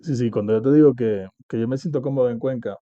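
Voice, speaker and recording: A man's voice: medium pitch, fast, mellow, no room sound, lo-fi sound. A man from Cuba, talking casually and reflectively as an interview guest, often checking in with "¿entiendes?". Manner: reflective, uses many fillers and "¿entiendes?".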